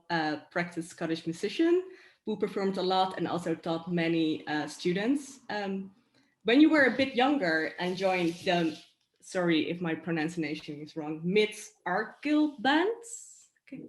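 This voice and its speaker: Lowish woman interviewer in a roomy space. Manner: polite, hesitant, many fillers. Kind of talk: video call interview. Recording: roomy echo.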